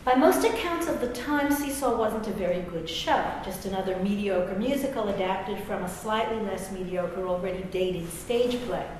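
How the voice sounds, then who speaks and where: Speaking at a normal speed with few pauses, this middle-aged American author and English professor has a mid-range, darkish voice. She reads a personal essay aloud at a live event, adding wry, self-deprecating, conversational asides, in a very reverberant hall with faint noise.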